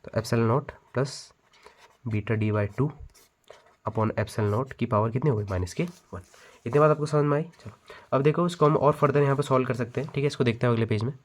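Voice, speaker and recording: A man's voice: medium pitch, brisk. A man teaching a physics problem step by step while he writes, often checking that the students follow. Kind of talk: step-by-step math lesson over handwritten notes.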